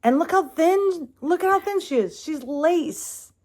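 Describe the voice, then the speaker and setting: A woman's voice: extremely high pitch, lively intonation, unhurried, a little mellow. A woman vlogging casually as she shows off her crystals, gushing and exclaiming, swearing often and speaking straight to her viewers. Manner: addresses viewers directly and calls the crystals she or baby. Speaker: crystal shop owner and vlogger. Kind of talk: casual show-and-tell vlog.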